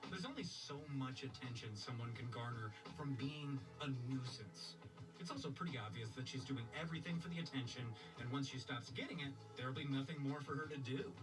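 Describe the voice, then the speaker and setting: A man's voice: mid-range voice, a little fast. A man narrating an opinion commentary video. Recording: slightly distant, music underneath.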